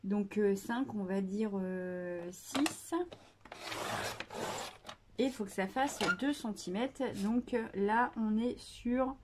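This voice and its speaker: Woman, craft tutorial host, casual chatty talk, mid pitch, lots of fillers, self-deprecating. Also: slow, very noisy.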